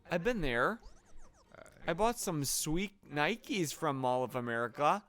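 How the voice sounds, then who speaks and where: A man with a very lively, expressive voice, co-hosting a let's play of a party video game. He jokes playfully with his partner and turns to talk to the viewers. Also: a little high, slow pace. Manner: animated, playful, talks to the viewers. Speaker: co-host playing a video game. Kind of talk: casual let's play chat.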